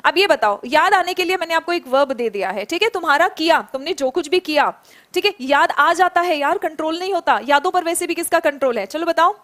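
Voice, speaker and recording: A woman teaching an online spoken English class, saying example sentences slowly and praising her students by name. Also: very high-pitched, fairly bright tone.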